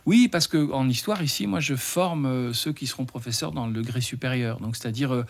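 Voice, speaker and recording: A middle-aged man speaks as an interview guest, in a mid-pitched voice. He searches for words as he goes, with frequent hesitations and restarted phrases. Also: fairly quick. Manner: hesitant, many fillers and restarts. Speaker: interview guest, teacher trainer. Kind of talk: radio interview conversation.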